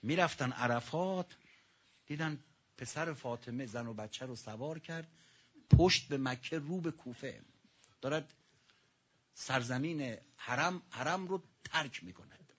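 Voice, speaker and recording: A man delivers a sermon with a mourning elegy in a husky, breathy voice. He swings from loud, dramatic outbursts to quiet, hushed passages and often calls out to his listeners directly. The recording sounds dull and lo-fi. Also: mid-range voice, expressive. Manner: addresses the audience directly. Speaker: preacher.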